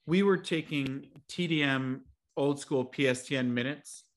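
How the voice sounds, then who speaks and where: A man hosting a podcast interview, talking quickly through technical jargon. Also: medium pitch, slight background noise. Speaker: podcast host.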